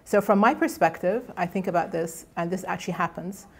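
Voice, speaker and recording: At a lecture hall podium, a middle-aged woman whose first language is Egyptian Arabic gives an academic colloquium talk as a guest lecturer. Her low voice has a gravelly, creaky edge, and she speaks a little fast. Her delivery is loose and conversational, with frequent fillers and phrases she breaks off and restarts.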